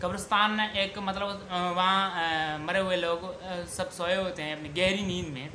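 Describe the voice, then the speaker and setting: Young male tutor with a bright voice, halting casual explanation, lapel mic in a small echoey room. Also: sits high, fairly even intonation. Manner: hesitant, many fillers and restarts. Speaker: literature tutor. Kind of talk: casual spoken summary of a poem. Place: small indoor room against a wall. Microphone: clip-on lapel mic. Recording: echoey room with faint hum.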